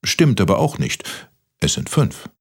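A man's voice: lowish voice, wildly swooping pitch, unhurried, husky, heavily acted. A man voicing a cheeky, scheming little boy puppet in a children's story. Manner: cheeky, sing-song.

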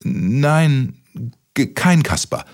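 A man's voice: mid-range voice, huge pitch swings, measured pace, breathy edge, pitched above the performer's own voice, exaggerated voice. A man voicing a cheeky, scheming little boy puppet in a children's story. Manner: cheeky, sing-song.

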